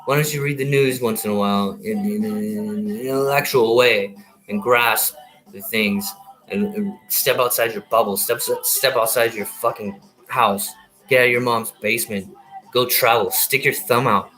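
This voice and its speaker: Faint music plays behind a man in his thirties, a former soldier, as he rants in a medium-pitched, fairly bright voice at a moderate pace. His monologue wanders, full of profanity, anger, and false starts, on a rough recording.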